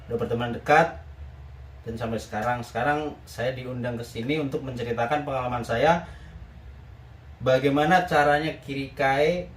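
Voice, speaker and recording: A man's voice: mid-range voice, moderate pace, distant mic, a little hiss or hum. Roomy-sounding man from East Java. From East Java, Indonesia. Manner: agreeable, short eager replies. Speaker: guest. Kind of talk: casual chat interview. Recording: roomy echo, voice off-mic.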